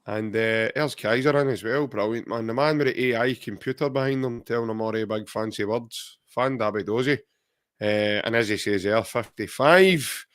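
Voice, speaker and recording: A man's voice: lowish voice, moderate pace, a bit bright. Chatty Scottish man in his forties. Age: 40s. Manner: chatty, jokey, reads out viewer comments. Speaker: podcast co-host. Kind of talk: casual chat.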